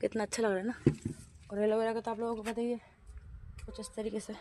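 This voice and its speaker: A woman's voice: on the high side, level tone, quick pace, dark tone, a little hiss or hum. A young woman talking casually to her vlog audience while doing chores at home, narrating each step and laughing at herself. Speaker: vlogger. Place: home rooftop and garden area.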